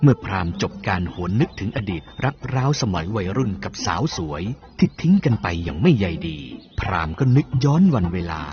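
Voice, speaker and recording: A man's voice: sits low, big pitch swings, a little fast, hardly any pauses. A man narrating a scripted, dramatised story as its storyteller. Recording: dull lo-fi audio with clear music behind.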